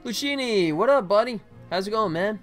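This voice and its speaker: An American game developer from Atlanta hosts a casual livestream, chatting informally with viewers while he works on his game. His voice sits high and animated at a moderate pace, with soft background music behind him.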